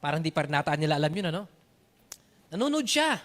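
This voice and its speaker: A man with a Filipino accent preaching a sermon, animated, telling stories and switching between Tagalog and English. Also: a little high, fast. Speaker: pastor.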